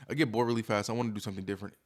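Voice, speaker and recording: A man's voice: on the low side, steady tone, racing. A man streamer talking casually and candidly in a rambling, hesitant, self-deprecating monologue, as if thinking aloud.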